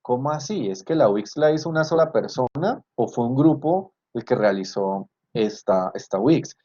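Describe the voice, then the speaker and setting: Heard through the slightly dull, lo-fi audio of a video call computer mic, a man with a Colombian Spanish accent tutors a university class online and reviews their work. He speaks at normal speed in a mellow, mid-range voice with lively intonation, explaining step by step, repeating himself and checking the class is following.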